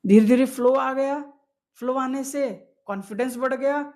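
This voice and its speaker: A man's voice: very high voice, normal speed, darkish tone. A man who makes videos, coaching viewers in an earnest motivational talk that repeats key points and asks rhetorical questions. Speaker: video creator coaching on fluent speaking.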